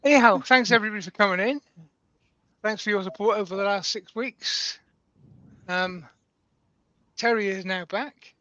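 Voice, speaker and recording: A man's voice: sits high, normal speed, pauses often, pushed and bright, dry recording, dull audio. A man hosting a woodturning live stream over a call, hesitant and self-mocking, with lots of ums. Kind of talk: casual live-stream chat.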